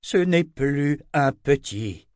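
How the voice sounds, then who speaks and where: A woman's voice: lowish voice, big pitch swings, measured pace, no echo, clean studio sound, voice pushed up. A man voicing an impatient older sorceress who scolds sharply, in an audiobook reading. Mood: stern. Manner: sharp, exasperated.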